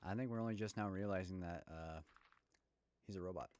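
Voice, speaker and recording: A man's voice: low-pitched, brisk, darkish tone. A man playing a game with a friend, playful and teasing in casual chat. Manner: playful, teasing, joking asides. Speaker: co-player.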